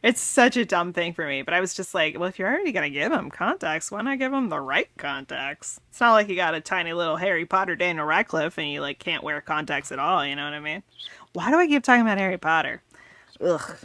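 A woman's voice: fairly low pitch, quick pace, no room sound. A woman guesting on a podcast, chatting animatedly with gasps and frequent laughter. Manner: animated, gasping, laughing often. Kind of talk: casual podcast chat.

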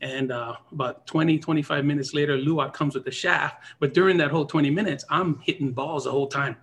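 A man telling pool gambling stories in a casual chat, full of "you know" fillers and acted-out lines from other people. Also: brisk. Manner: animated, acts out other people's lines in a high voice. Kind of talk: casual storytelling.

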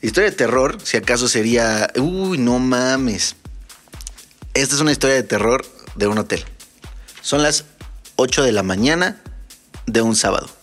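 Male podcast host, Mexican accent, animated comic storyteller, mid-range voice. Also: medium pitch, a little fast, faint music behind. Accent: Mexican Spanish. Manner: animated, swears freely, acts out the people in his stories. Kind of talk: casual comedic storytelling.

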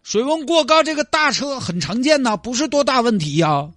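A man acting as an exasperated highway traffic cop who scolds a stranded driver with incredulous questions. His pitch rises and falls a lot, and the sound is close and dry. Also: very animated, a little fast, a bit bright, no room sound, full character voice.

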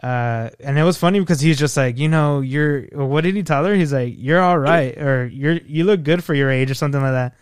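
A man's voice: medium pitch, a little fast, hardly any pauses, a little mellow, clean tone, dry recording, studio quality. Young male podcast co-host, loose and profane, laughs through his lines. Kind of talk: casual chat about a movie.

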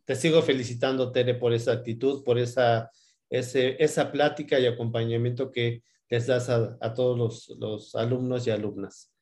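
A man with a Mexican Spanish accent, interviewing a colleague. He asks his questions haltingly, often repeating words, and keeps praising her answers in a friendly way. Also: mid-range voice, fairly even intonation, darkish tone. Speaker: interviewer, professor.

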